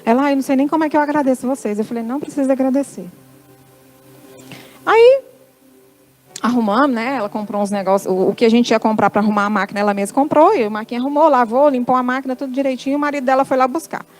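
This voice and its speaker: A high-pitched, middle-aged woman with a Brazilian Portuguese accent tells her testimony to a church. She slips into soft voices for the quoted dialogue as the story goes on. Faint music plays beneath her. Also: fast talker, poor audio. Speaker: church speaker giving testimony.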